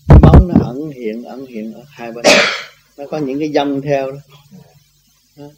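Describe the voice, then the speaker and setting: A man's voice: mid-range voice, unhurried, dull audio, heavy background noise. A man giving an informal spiritual teaching, rambling and repeating himself, laughing now and then. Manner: rambling, repetitive, laughs often. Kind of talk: informal religious teaching talk.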